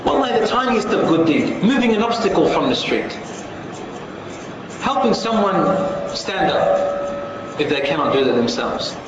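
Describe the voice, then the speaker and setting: A man delivers an Islamic sermon in a solemn, emphatic preacher's manner, placing deliberate pauses between phrases. His voice sits slightly high for a man. The recording is heavily reverberant, as in a large hall, with clear background noise. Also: big pitch swings. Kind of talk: sermon to a live congregation. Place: large echoing room before an audience.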